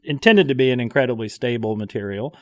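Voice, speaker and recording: A man's voice: medium pitch, quick pace, a little mellow. A man hosting a podcast, chatting casually and explaining with enthusiasm and frequent fillers. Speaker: podcast host.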